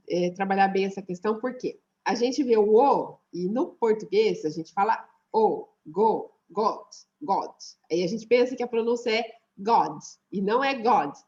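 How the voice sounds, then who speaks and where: A woman's voice: on the high side, lo-fi sound. Brazilian woman teaching English online. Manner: explains patiently, repeats words slowly for pronunciation. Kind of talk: online class explaining song lyrics. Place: online video class.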